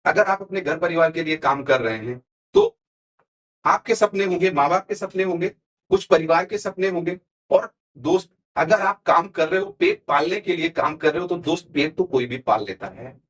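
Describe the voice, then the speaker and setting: A man talking in a podcast interview as a motivational speaker, his voice sitting high and leaping up and down with great liveliness. He hammers each point with emphasis and homely examples, like a seasoned stage coach. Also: moderate pace. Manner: emphatic, animated, uses punchy examples.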